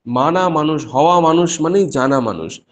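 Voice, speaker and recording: A middle-aged man gives a spoken discourse on spiritual teachings in a slightly high voice. He restarts and repeats phrases as he explains, and acts out the voices in the stories he tells. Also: animated, moderate pace. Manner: acts out quoted exchanges in a story. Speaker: professor giving a religious talk.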